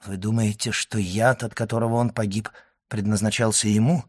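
A man voicing a grave doctor who questions an old man in a low, hushed and urgent voice. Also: level tone, moderate pace, dry recording, studio quality, close to an everyday voice. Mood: hushed probing.

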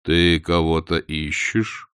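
A man voicing Death, an ancient, calm male reaper, speaking slow, quiet and deadpan. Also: rumbling low, clear, resonant tone, no room sound, studio quality, pitched below the performer's own voice, exaggerated voice. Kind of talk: audiobook character voice.

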